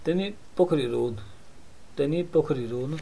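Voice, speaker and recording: A man's voice: on the high side, creaky, dark tone. A man giving translations and saying each phrase three times in a row. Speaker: language consultant. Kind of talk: language elicitation session.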